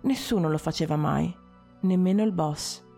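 Mellow low-voiced woman narrating a story. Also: normal speed, gravelly, faint music behind.

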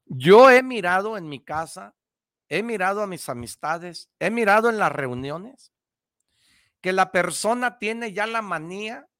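A man hosts a motivational radio talk with a bright, forceful voice and a pitch that climbs and falls a lot. He talks slowly, repeating phrases and speaking straight to the listener. The sound is dry and close. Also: no echo. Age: adult parent. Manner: preachy, repetitive, addresses the listener directly. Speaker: radio host giving motivational advice.

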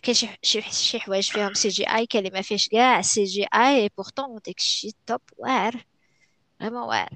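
A woman's voice: medium pitch, racing, a bit bright. A woman with a Moroccan Arabic accent co-hosting a casual chat, often slipping into French and English phrases. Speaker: podcast co-host. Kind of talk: casual chat about films and series.

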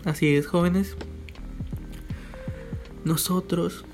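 A man's voice: sits high, steady tone, drawn-out words, darkish tone, faint music behind. A young man with a Mexican Spanish accent, talking casually in a joking monologue with quoted voices. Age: young adult.

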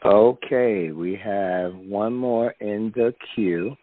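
A man moderating a call-in line, measured and procedural. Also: on the low side. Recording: dry phone line.

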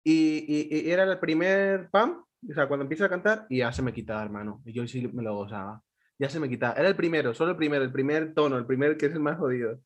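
A man hosts a relaxed interview, speaking in an ordinary mid-range voice. He is chatty and encouraging toward his guest. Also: on the high side, quick pace. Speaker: podcast host. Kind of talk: casual interview chat.

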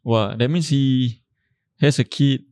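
A man chats and tells stories in colloquial Malaysian-Singaporean slang English. He rambles with plenty of fillers and swearing, at a middling pitch, in a dry recording. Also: slow pace, darkish tone, dry recording.

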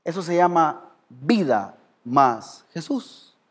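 This pastor, whose accent is Salvadoran Spanish, preaches in a church hall with a slightly high, sing-song, somewhat rough voice and a slow pace. His sermon feels conversational, and he calls on congregants by name.

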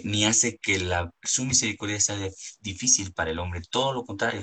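A man preaching a sermon in an earnest way, often repeating words and pausing with fillers. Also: on the low side, fairly bright tone, breathy edge.

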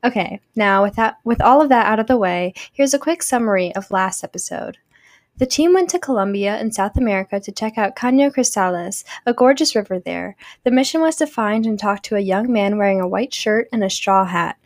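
Lady reading a story podcast out loud, steady plain read, dry close sound, mid pitch. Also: a little fast, no room sound. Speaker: podcast host and narrator. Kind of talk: scripted story narration.

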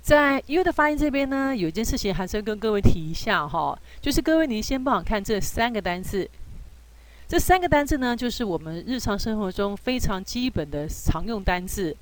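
A woman teaching English phonics in a relaxed, patient way, with many drawn-out fillers and reassuring asides. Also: medium pitch. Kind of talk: relaxed spoken lesson.

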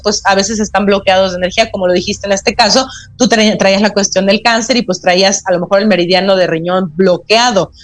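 On a radio talk show, a woman with a Mexican Spanish accent appears as a guest acupuncturist. She explains things earnestly with a gentle spiritual touch, her medium-pitched voice recorded in a radio studio with no room sound.

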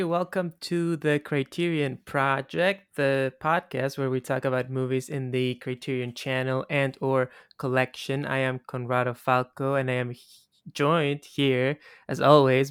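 A man's voice: medium pitch, steady tone, moderate pace, gravelly, fairly bright tone, clean tone, no room sound, studio quality. A man hosting a podcast in casual chat, introducing his co-host and guests in a friendly way.

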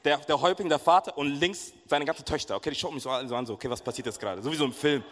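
A young man preaching in a church service, telling a personal story in a casual, animated way with slang. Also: fairly high pitch, rapid-fire. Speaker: pastor. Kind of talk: sermon with a lively personal story. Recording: echoey hall.

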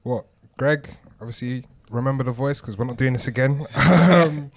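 A man's voice: mid-range voice, steady tone, normal speed. A man in his twenties with a South London accent, telling stories casually on a group podcast with lots of slang, swearing and joking. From South London, England. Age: 20s. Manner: slangy, sweary, jokey storytelling. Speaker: podcast regular.

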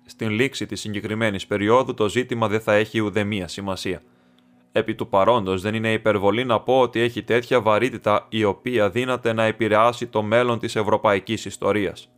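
A man's voice: lowish voice, fairly even intonation, close to an everyday voice. A man reading as a stately masked nobleman. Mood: grave, secretive. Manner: formal, stately, measured speech. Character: masked foreign nobleman, imposing, formal, secretive.

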